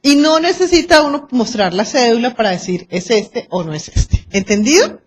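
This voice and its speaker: Speaking at a moderate pace in a fairly high voice, the Colombian woman delivers an arbitration lecture, animatedly performing the dialogues and anecdotes she quotes.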